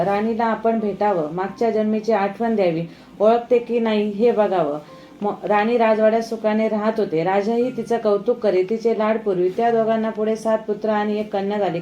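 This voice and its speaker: Female storyteller, measured devotional reading, mellow, roomy recording with soft music. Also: medium pitch, fairly even intonation, highs cut off. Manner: measured, recitative. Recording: echoey room, faint music.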